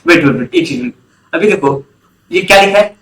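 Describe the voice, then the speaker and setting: A man's voice: high-pitched, sing-song, normal speed, fairly bright tone, roomy sound, low-quality recording. A man teaching an online commerce class, often quizzing students and repeating key terms. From India. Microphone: online class recording.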